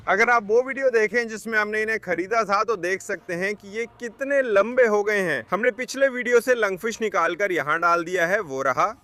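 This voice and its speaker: A man hosting a pet video channel, talking to viewers in an excited, chatty, upbeat vlog style. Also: high-pitched.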